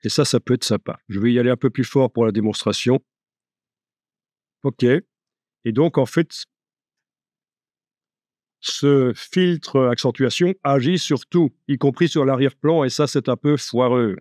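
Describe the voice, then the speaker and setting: A man giving a live software tutorial, chatty and joking, thinking aloud as he works. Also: medium pitch, unhurried, long pauses, no echo, studio quality. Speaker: software instructor.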